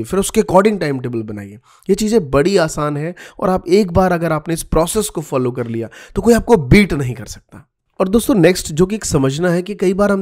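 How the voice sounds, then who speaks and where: Mellow-voiced man giving study advice. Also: a little high. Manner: direct, advising, mixes English words into his talk. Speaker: YouTube study-tips presenter. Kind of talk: motivational talk to students.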